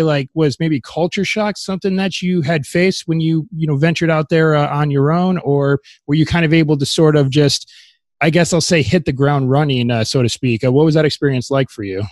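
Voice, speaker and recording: A man's voice: a little high, darkish tone, dry recording, clean studio sound. A man hosting a podcast, asking long winding questions full of fillers. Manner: long winding questions padded with "you know" and "uh". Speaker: podcast host. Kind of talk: interview questions.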